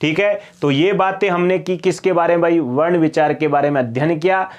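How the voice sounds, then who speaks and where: A man's voice: a little high, a little fast, highs cut off. A young man, teaching an exam-prep grammar lesson and asking the class rhetorical questions that he answers himself.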